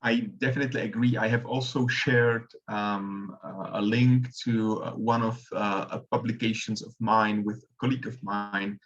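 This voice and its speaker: A man's voice: lowish voice, fairly even intonation, moderate pace, few pauses, muffled recording. A man from the Republic, speaking hesitantly with many fillers as a panelist in a webinar discussion. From Czech Republic.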